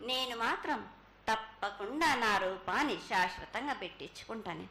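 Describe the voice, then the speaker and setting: A woman speaks as an oracle in a prophetic trance, commanding and halting, addressing devotees as her children as a mother goddess would. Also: fairly high pitch, expressive, sharp tone. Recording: echoey, faint background noise at public ritual.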